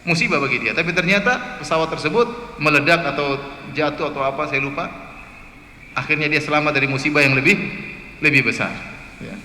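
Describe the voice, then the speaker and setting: A man's voice: fairly high pitch, fairly quick, pauses often, pushed and bright. A man preaching a sermon in a mosque, telling stories and asking the congregation rhetorical questions. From Indonesia. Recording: echoey mosque hall, faint hiss.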